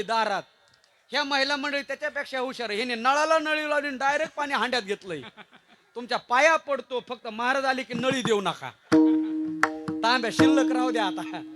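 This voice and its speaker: High-voiced Marathi kirtan preacher man. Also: pushed and bright. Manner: humorous storytelling, chants Sanskrit and Marathi verses slowly. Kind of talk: devotional kirtan sermon.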